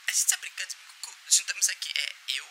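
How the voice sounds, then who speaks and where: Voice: mid-range voice, expressive, very fast, pushed and bright, a little hiss or hum, low-quality recording. A man voicing a chirpy female office coworker who is organizing a gift swap, explaining in a breezy, half-whispered way.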